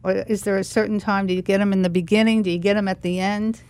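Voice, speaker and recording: A woman's voice: mid-range voice, little pitch movement, fast talker, a little mellow, dry recording. A woman hosting a radio interview, who asks friendly, leading questions. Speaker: radio show host.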